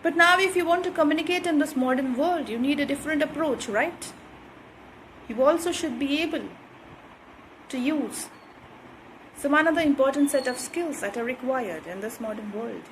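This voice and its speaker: A woman teaches communication skills in a high, clear register. She hammers home each point and keeps checking in with her listeners. A faint hum of ambience sits behind her voice. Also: normal speed, low-quality recording. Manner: didactic, repeats points with "right?" and "okay". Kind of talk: instructional talk to camera.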